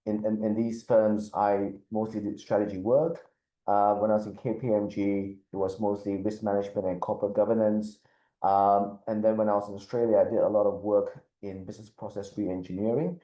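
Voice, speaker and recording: A middle-aged man from Malaysia, a business school dean, giving a measured webinar talk and often repeating words as he thinks. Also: on the low side, flat delivery, dark tone, echoey room, low-quality recording. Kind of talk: webinar presentation.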